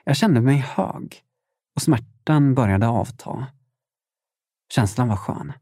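A young adult man reading his own memoir aloud as first-person audiobook narration, steady with dramatic emphasis. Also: medium pitch, no echo, studio quality.

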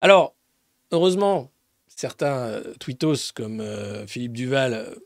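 A man hosting a press review, talking in a casual, mocking way. He swears freely and swings between loud outbursts and muttered asides. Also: medium pitch, expressive, unhurried, gravelly, no echo, studio quality. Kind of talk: casual sarcastic press commentary.

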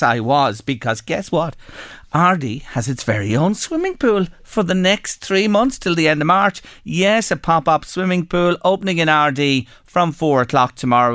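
A man's voice: medium pitch, fairly bright tone, clear, resonant tone, dry recording, studio quality. An Irish man presenting a live radio show and plugging competitions in a chatty, emphatic way, often repeating his phrases.

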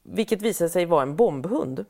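A middle-aged woman, telling a story in casual chat and acting out other people's lines with big jumps in her voice. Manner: animated storyteller, acts out quotes with big pitch jumps. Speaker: podcast co-host telling a story.

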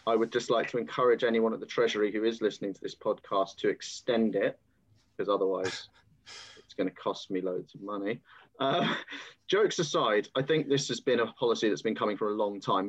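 Brief: male podcast host, low voice, joking asides, dull lo-fi audio. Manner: joking, conversational, quick asides. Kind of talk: panel discussion.

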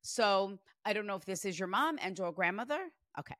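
During a spirit reading session, a forties-aged psychic medium talks fairly quickly in a mid-range voice, lively and chatty, with "like" sprinkled everywhere. It's studio quality, free of room sound.

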